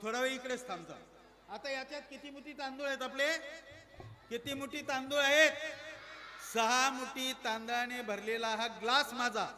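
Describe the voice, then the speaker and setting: Brief: male children's magician, high bright voice, playful audience patter. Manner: playful, coaxing, asks the crowd questions. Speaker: stage magician performing for children. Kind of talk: lively stage patter with audience.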